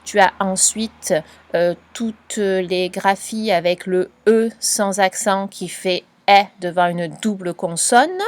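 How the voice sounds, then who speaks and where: Patient woman teacher dictating. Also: mid-range voice. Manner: patient, slow and clear, spelling out letters. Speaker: primary school teacher. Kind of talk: dictation lesson for a young pupil.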